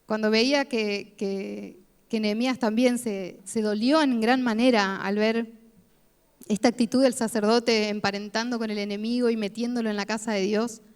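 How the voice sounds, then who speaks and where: A woman's voice: on the high side, fairly even intonation, moderate pace, clear, resonant tone. A woman with a Rioplatense Spanish accent preaching a sermon, sharing a personal testimony earnestly and often asking "¿no?". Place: church hall. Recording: long hall reverb.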